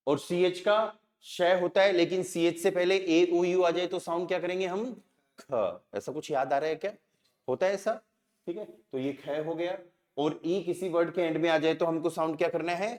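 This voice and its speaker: A man's voice: a little high, roomy sound. A man with an Indian accent teaching a language class. He keeps asking the students questions and answering them himself. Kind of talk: classroom lesson.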